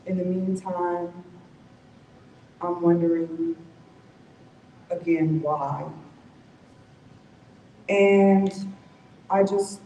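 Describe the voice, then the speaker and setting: A woman speaks slowly and reflectively, sharing her own survival story at a community forum. Her voice is low and mellow. It sounds a little distant, in an echoey room with a faint rumble behind it. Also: fairly even intonation. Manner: slow, reflective storytelling with self-corrections. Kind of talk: personal testimony at a forum.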